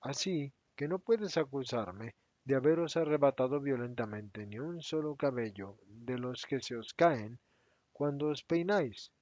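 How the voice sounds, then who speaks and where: Jesus, a man voicing a calm, grave teacher. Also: no echo, natural voice. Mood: serene stern. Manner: calm, grave, measured, low-voiced. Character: serene, stern adult male teacher Jesus. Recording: dry, slightly dull recording.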